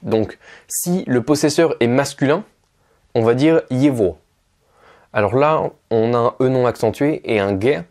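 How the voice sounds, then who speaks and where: A man teaching Russian in as a casual video lesson, patient and unhurried, with frequent fillers as he spells words out. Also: medium pitch, a little mellow.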